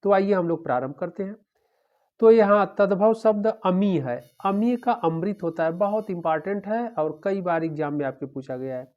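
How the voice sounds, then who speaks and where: A man teaching an exam-prep lecture, drilling through word pairs one after another in a steady, repetitive way. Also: high voice, normal speed. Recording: dull lo-fi recording.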